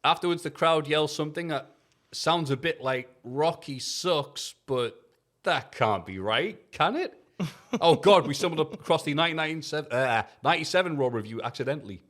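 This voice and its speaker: A man's voice: a little high, animated, brisk, fairly bright tone. A man reading out his written review on a casual podcast. He is jokey and laughs often, with a few swears thrown in. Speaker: podcast co-host reviewing wrestling.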